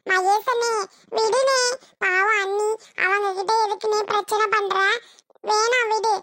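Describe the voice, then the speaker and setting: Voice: extremely high pitch, fairly even intonation, a little slow, background noise. A voice actor playing a meek, hurt younger sister-in-law in a cartoon, speaking with a Tirunelveli Tamil accent. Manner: meek, hesitant. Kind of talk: cartoon voice acting.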